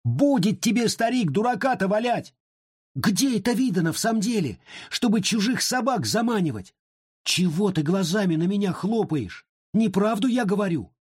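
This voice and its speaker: A man voicing a young boy who talks rudely and sharply, shouting and scolding. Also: high-pitched, very animated, moderate pace, husky, no echo, studio quality, pitched above the performer's own voice, full character voice. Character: rude, irritable young boy.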